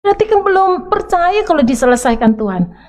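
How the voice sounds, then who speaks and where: A middle-aged woman preaching a sermon in a church, animated and acting out the voices she quotes. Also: very high-pitched, brisk.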